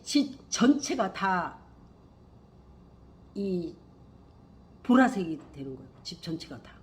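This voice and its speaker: A middle-aged woman telling a personal spiritual story in a rambling, emphatic way, swinging from hushed to loud. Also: mid-range voice. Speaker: spiritual vlogger.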